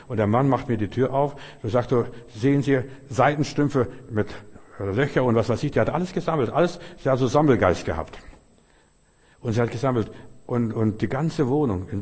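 An older pastor delivers an emphatic sermon, hammering his points home by repeating them and addressing the listener directly. His voice is husky, of middle pitch, and rings out with long reverb in a large church space. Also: darkish tone.

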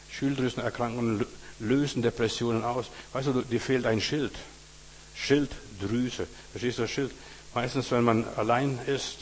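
A man's voice: medium pitch, in a large hall, slight background noise, poor audio. A man preaching a sermon, speaking straight to his listeners with frequent asides and reading scripture aloud with rising drama. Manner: direct address with frequent 'weißt du', dramatic scripture readings.

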